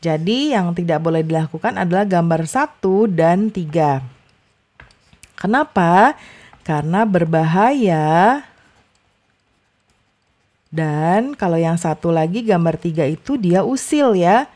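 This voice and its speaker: Mellow-voiced woman tutoring small children. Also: lowish voice, expressive, slow, pauses often. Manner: chatty, many fillers and tag "ya"; exaggerated emphasis when modeling intonation. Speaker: online tutor. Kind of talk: casual explaining lesson to young children.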